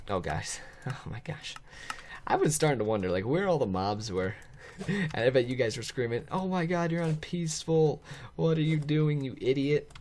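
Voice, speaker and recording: A man narrating his video game play to viewers in an excitable, chatty way, laughing often and reacting out loud. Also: medium pitch, a little hiss or hum. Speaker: gaming channel host. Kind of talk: let's play commentary.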